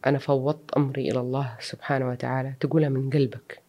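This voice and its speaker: A woman's voice: rumbling low, little pitch movement, very fast, lo-fi sound. A woman, speaking earnestly and reflectively as an interview guest, mixing in English words. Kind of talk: personal interview.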